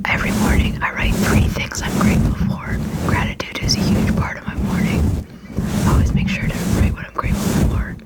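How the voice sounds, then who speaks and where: A person whispering quickly in an informal ASMR ramble close to the microphone, often repeating and rephrasing phrases. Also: loud music behind the voice. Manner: fast, unvoiced whispering. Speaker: video creator and host.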